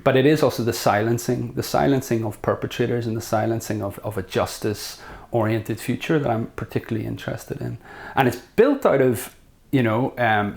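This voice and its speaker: A middle-aged man with a Northern Irish accent, a guest academic talking in an interview, thoughtful and reflective, often pausing and restating his points. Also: medium pitch, gravelly, a little mellow. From Northern Ireland. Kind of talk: conversational interview.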